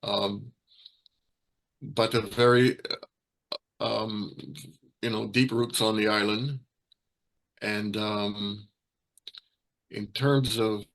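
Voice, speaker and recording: A man from Barbados giving an informal talk as a guest speaker, halting, with many fillers and restarts. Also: on the low side, a bit bright, poor audio. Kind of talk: hesitant informal presentation.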